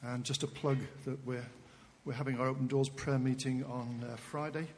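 A man's voice: medium pitch, little pitch movement, normal speed, darkish tone. A man making an informal announcement to a church congregation, polite and a little hesitant. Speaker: church member giving a notice. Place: church hall or sanctuary. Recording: reverberant hall with faint background noise.

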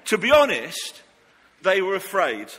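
A man's voice: high-pitched, wildly swooping pitch, measured pace, fairly bright tone. A man preaching an all-age sermon in a church, telling the story playfully, joking and coaxing volunteers to act it out. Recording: long church reverb, faint background noise.

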